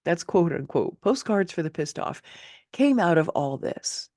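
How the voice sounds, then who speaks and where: As author and narrator, a woman delivers an expressive reading of her personal story, candid and wry with a conversational feel and casual asides. Her voice is lowish and a little mellow, very animated, and a little slow. The studio-quality recording is dry.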